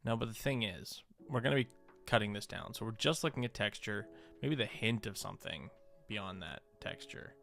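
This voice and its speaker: With soft music behind him, a man gives casual livestream commentary as he works on screen, his thoughts coming in hesitant fragments. He's a streamer and visual artist whose low, gravelly voice is expressive and fairly bright, at a moderate pace.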